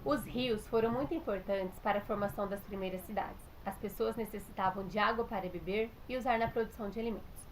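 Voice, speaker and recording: A Brazilian woman reading a history text aloud in an even way, with faint background noise. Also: medium pitch, fast, hardly any pauses, rough recording. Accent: Brazilian Portuguese. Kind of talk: read-aloud narration.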